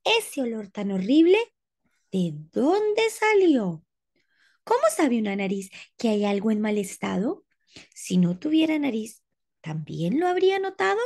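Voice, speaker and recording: A woman's voice: on the high side, big pitch swings, a little mellow, heavily acted. A woman voicing a curious little girl scientist who fires off eager questions in a storybook reading. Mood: puzzled. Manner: rapid-fire eager questions.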